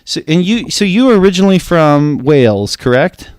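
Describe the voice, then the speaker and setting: A man's voice: on the high side, big pitch swings, normal speed, darkish tone, no room sound, studio quality. Eager rambling male podcast host. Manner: enthusiastic, rambling, with frequent restarts. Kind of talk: casual interview talk.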